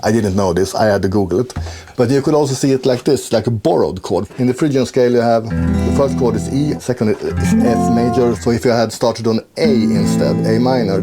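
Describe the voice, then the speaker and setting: A man with a fairly low voice gives a guitar lesson, explaining chords step by step. He counts the beats aloud as he goes. Loud guitar playing runs behind his speech. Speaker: music teacher.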